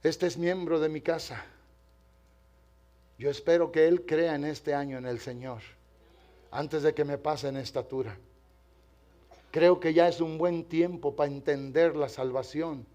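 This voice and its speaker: Older male pastor, high voice, preaches to his congregation in church, quiet at times, then rising to loud impassioned passages. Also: a little slow, pauses often. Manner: addresses the congregation directly. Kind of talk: sermon.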